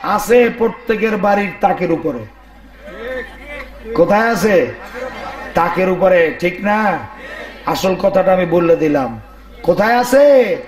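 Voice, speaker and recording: A hoarse man delivers a sermon in a high voice, putting rhetorical questions to the crowd and chanting verses. The sound is echoey, as if through a public-address system. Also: animated, takes it slowly, long pauses. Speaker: preacher. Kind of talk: Bengali waz sermon.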